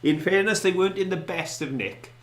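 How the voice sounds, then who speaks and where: A man's voice: high voice, a little fast. A middle-aged man with a South Wales Valleys accent, co-hosting an online show and chatting casually to viewers. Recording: roomy, echoey indoor sound.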